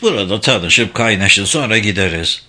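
A grown son home on a visit, affectionate and playful, speaking low, calm and tender, as a male reader plays him. His voice sits somewhat below the narration yet keeps a bright, crisp edge. A gentle storybook character. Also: normal speed, heavily acted. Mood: reassuring. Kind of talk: storybook reading.

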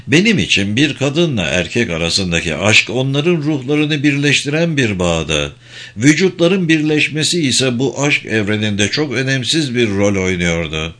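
Male narrator reading a novel, mid voice, pitch moves around a lot, measured and expressive.

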